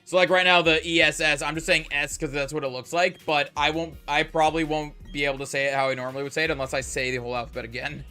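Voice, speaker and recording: A man's voice: on the high side, level tone, quick pace, few pauses, bright, forceful tone, smooth, soft background music. A young man from Canada, with a mostly American accent and a slight Canadian tinge, chatting casually on a live stream and rambling with lots of filler words. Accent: mostly General American, slight Canadian. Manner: rambling, lots of "like" and "uh" fillers, hums while playing.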